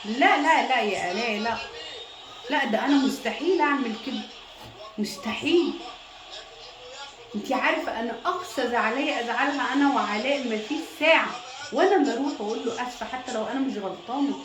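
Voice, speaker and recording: A woman's voice: fairly high pitch, fast talker, a crowd in the background. A woman with an Egyptian accent giving insistent, preachy advice in a comic phone-call sketch. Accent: Egyptian Arabic. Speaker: wife in a comedy sketch. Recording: roomy echo with loud music behind.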